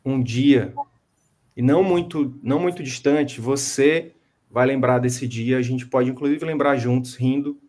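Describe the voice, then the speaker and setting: A man's voice: medium pitch, unhurried, darkish tone. A man mentoring a client in an online coaching consultation, speaking emphatically and repeating key phrases to drive his point home. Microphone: video call.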